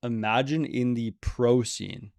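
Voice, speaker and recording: A man's voice: mid-range voice, steady tone, takes it slowly, vocal fry, darkish tone, no echo. A man giving opinionated commentary to camera on a video game, emphatic and repeating words for stress. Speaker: gaming video creator.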